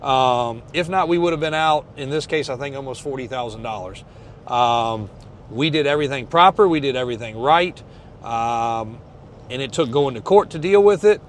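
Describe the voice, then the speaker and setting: A man's voice: medium pitch, slight background noise. A man talking casually to his viewers from a moving vehicle, emphatic and repeating phrases for stress. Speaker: car dealership owner and video host. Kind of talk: casual ride-along talk to viewers.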